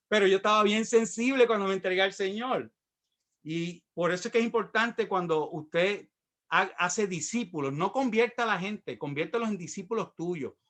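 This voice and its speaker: A Puerto Rican pastor in middle age delivers a sermon built on his own testimony. His voice sits high and sounds bright and forward. He tells his story with energy and acts out the voices of the people in it. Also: moderate pace. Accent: Puerto Rican Spanish.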